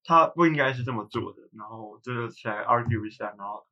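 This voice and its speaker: A man's voice: mid-range voice, quick pace, muffled recording. A young man, a former student guest in a casual chat, candid and a little sheepish. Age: young adult.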